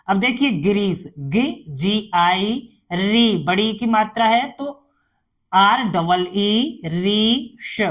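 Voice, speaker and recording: A woman tutoring a beginner spelling lesson, reading each word, spelling it letter by letter, then repeating it. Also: mid-range voice. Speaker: English tutor.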